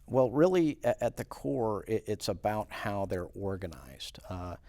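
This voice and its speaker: Low gravelly man from Puerto Rico. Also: lively intonation, mellow, dry recording, studio quality. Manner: measured, with frequent uh fillers. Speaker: guest, credit union president. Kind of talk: TV interview. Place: TV studio.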